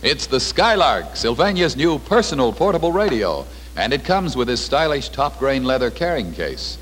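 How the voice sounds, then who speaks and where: A man's voice: mid-range voice, big pitch swings, moderate pace, fairly bright tone, a little hiss or hum, rough recording. A man announcing in a 1950s TV broadcast style, reading scripted advertising in a polished, promotional delivery. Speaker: commercial announcer. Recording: vintage 1950s broadcast, music behind.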